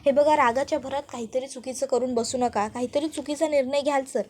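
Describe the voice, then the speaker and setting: A woman's voice: high-pitched, fairly even intonation, a little fast, darkish tone, slight background noise, natural voice. A woman voicing a pleading young woman. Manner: pleading, urgent. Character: pleading young woman begging him to listen.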